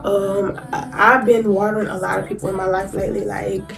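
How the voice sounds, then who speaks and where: Music plays in the background as a young woman vlogs seated indoors, her mid-range voice creaky, brisk and fairly flat in pitch. She has a cold and sounds congested, yet chats casually to viewers she calls y'all, reading from notes on her phone as a YouTuber.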